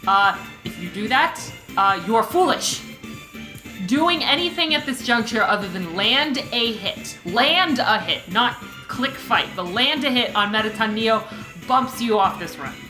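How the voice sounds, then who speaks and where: A woman's voice: fairly high pitch, animated, measured pace, echoey room. A woman co-hosting a let's play, giving casual gameplay commentary. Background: game music.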